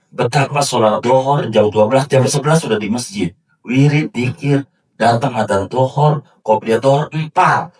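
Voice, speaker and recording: A man preaching, telling jokey stories and acting out characters in loud, high bursts. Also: breathy edge. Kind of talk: mosque sermon with acted anecdotes. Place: mosque prayer hall. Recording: distant mic in a mosque.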